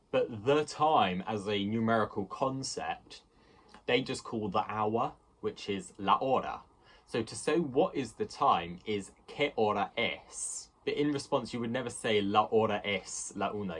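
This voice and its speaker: A man teaching a language lesson, explaining patiently and slowing down to pronounce the foreign words. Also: fairly low pitch, a bit bright.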